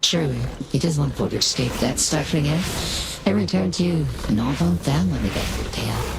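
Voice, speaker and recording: A male streamer whose voice runs through a deep pitch-shifting voice changer, reading formal game dialogue aloud. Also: lively intonation, moderate pace, creaky, background noise. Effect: deep pitch-shifting voice changer left on by mistake. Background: game music.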